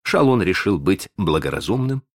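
A man narrating a children's storybook, expressive, with playful asides to the listener. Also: low voice, normal speed, breathy edge, no room sound, clean studio sound. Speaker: audiobook narrator.

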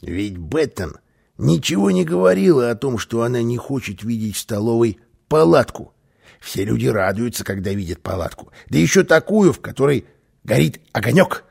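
A man voicing Karlsson, a boastful, mischievous little man who talks loudly and bosses others around in a storybook reading. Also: mid-range voice, normal speed, creaky, husky, heavily acted. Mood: boisterous. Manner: loud, excitable, commanding.

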